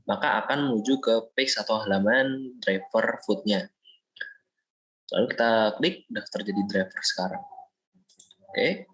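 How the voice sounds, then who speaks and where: A young man from Indonesia, a student, explaining a software project step by step in a screen-recorded walkthrough, often pausing with fillers. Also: fairly low pitch, poor audio. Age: young adult. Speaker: student presenting a project demo.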